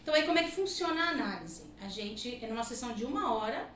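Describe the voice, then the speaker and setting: A woman's voice: on the high side, lively intonation, fast, fairly bright tone. A woman guest on a podcast, explaining her body-analysis work at length with frequent asides. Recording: echoey room, mic at a distance, faint noise.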